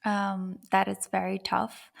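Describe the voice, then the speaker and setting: A woman's voice: medium pitch, monotone, slow pace, creaky. A woman giving earnest, explanatory answers in a conversational interview. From Azerbaijan. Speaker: interview guest, YouTuber and etiquette coach.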